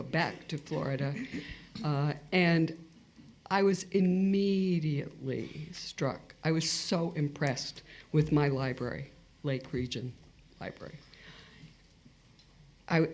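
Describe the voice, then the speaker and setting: A woman's voice: deep voice, a little mellow. A woman giving an informal public comment in a polite, appreciative manner.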